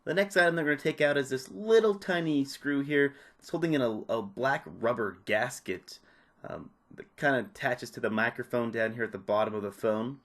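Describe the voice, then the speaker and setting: Speaking at normal speed in a mid-range voice, this man presents a repair tutorial. He offers informal, step-by-step guidance in a relaxed how-to style.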